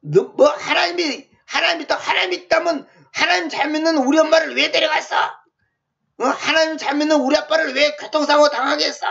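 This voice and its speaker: A man acting out a grieving man who defiantly yells accusations and curses at God, recorded with muffled lo-fi sound. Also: very high voice, steady tone, fairly quick, vocal fry, voice pushed up, heavily acted. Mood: furious, defiant.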